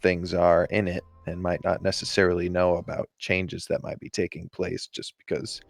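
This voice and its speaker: A man's voice: sits low, completely flat delivery, moderate pace, vocal fry, dry recording. A man from the community in a casual voice chat, joking and sarcastic.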